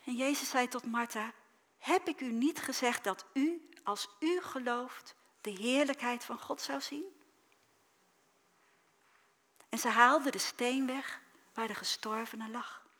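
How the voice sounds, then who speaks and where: A woman preaching a sermon in a slow, deliberate way. Her voice is bright and a little high. She reads scripture dramatically, rising to loud cries and dropping to near-silent soft words. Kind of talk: sermon with Bible reading.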